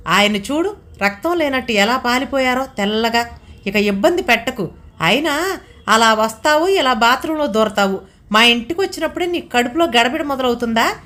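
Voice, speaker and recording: Brief: shrill scolding older housewife, sarcastic and anxious, read by a woman storyteller. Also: lightly acted. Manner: scolding, anxious, higher and louder than narration. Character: fussy sharp-tongued older wife, sarcastic.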